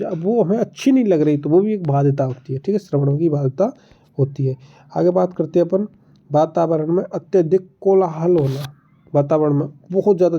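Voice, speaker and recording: A man's voice: fairly high pitch, dark tone. A man, teaching an exam-prep lesson. He explains each point, then asks his own questions and answers them. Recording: dull lo-fi audio.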